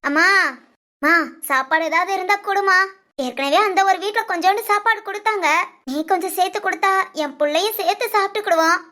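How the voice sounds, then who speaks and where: A humble, pleading poor woman begging for food in a spoken storybook, put on by a woman storyteller. She begs meekly in a very high, bright voice. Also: fast talker.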